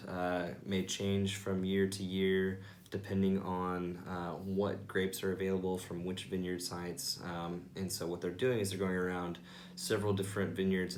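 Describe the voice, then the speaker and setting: Man, sommelier-style wine tasting notes, low even voice, explanatory, frequent ums, informal host. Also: slight background noise. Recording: roomy, echoey indoor sound.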